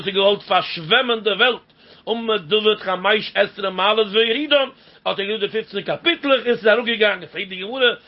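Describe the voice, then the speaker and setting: High-voiced man teaching, dull lo-fi sound. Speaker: religious teacher. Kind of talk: religious lesson on scripture. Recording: dull lo-fi recording.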